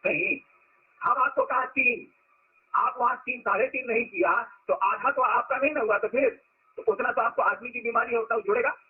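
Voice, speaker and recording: A man's voice: very high voice, normal speed. A man giving a spiritual discourse to followers, telling stories and stressing words to make his point. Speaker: spiritual teacher. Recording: lo-fi phone-like recording.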